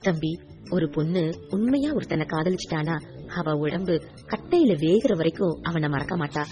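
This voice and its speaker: A woman doing a gentle motherly aunt. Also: low-pitched, animated, moderate pace, crowd noise.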